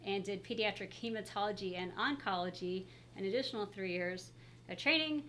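A woman's voice: mid-range voice, fairly quick, a bit bright. Female guest, middle-aged, casual and chatty, voice coming through a face mask, noisy recording. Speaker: guest pediatrician. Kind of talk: casual interview, telling career story. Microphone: speaking through a face mask.

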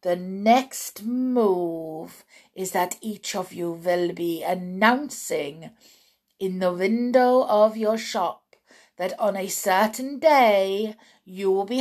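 A woman voicing a tiny, furious female Grand High Witch who screeches orders in odd, broken English. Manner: shrieking, screeching, foreign-sounding broken English.

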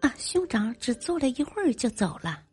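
A woman voicing an evasive young noblewoman who answers her husband softly with lies. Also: on the high side, sing-song, normal speed, slightly rough, soft background music, pitched above the performer's own voice.

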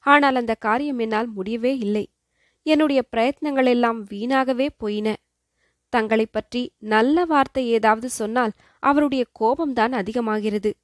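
A woman's voice: a little high, measured pace, no room sound, studio quality, close to an everyday voice. A woman voicing a fearful, tearful young princess in a storybook reading. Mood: sorrowful. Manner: sorrowful, sobbing.

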